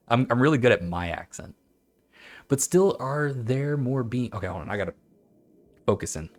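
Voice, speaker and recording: A man streaming a game, chatting and reading old-style text aloud in a halting, stumbling way, laughing at himself. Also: medium pitch, very animated. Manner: self-mocking, laughs often. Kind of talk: let's-play commentary with reading aloud.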